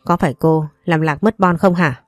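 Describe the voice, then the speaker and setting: A woman reading the lines of an angry, grieving grandmother in a storybook reading, accusing and sharp-tongued. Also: sits low, normal speed, no echo, clean studio sound, soft background music, close to an everyday voice. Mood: furious.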